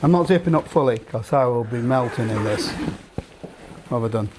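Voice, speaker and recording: A man's voice: medium pitch, animated, brisk, background noise. Chatty man talking camping gear. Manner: chatty, jokey, thinks aloud with restarts. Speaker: host. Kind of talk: casual gear chat.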